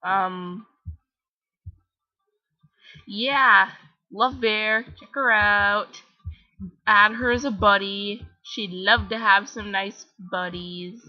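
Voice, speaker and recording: Faint music plays behind this teen gaming vlogger from Canada, who speaks with a Canadian accent in a mid-range voice. She draws out her words and leaves long pauses while chattily, self-mockingly commenting on her game. The home recording is slightly dull and lo-fi.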